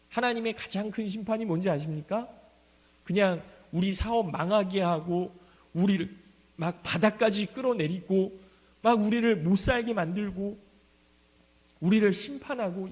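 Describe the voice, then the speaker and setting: A man preaching a sermon as pastor, acting out sharp rebukes in quoted lines. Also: sits high. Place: church sanctuary. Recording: church hall reverb.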